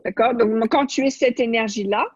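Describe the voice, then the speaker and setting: Husky, higher-pitched woman coaching online. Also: normal speed, no room sound. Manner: encouraging, directive. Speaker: coach leading an online class. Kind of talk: spontaneous coaching talk. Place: online group call. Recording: muffled, dull online-call audio.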